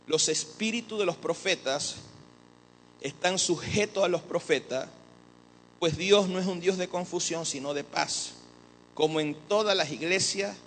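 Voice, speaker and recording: A man preaching a sermon as an apostle, animated and joking with the congregation. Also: fairly high pitch, slight background noise, poor audio. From Venezuela. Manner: animated, joking with the congregation, mimics others' voices.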